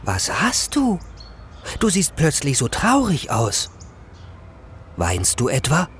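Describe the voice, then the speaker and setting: A man playing a kindly, nostalgic old Kasper hand puppet in a children's audio drama, with a husky voice and expressive storytelling. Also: fairly high pitch, slow pace, slight background noise, full character voice. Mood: consoling.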